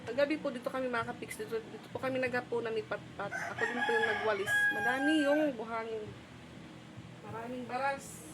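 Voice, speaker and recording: A woman's voice: fairly high pitch, steady tone, brisk, heavy background noise. A young woman vlogging at home in a chatty, polite way, talking to her viewers. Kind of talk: casual family vlog narration.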